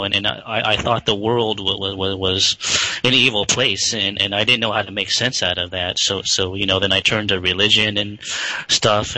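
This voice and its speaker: A man, a guest in an interview, talking in a halting way with many repeated words and restarts. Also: fairly low pitch, bright, forceful tone, rough recording. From San Francisco Bay Area, born in Taiwan. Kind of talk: interview talk.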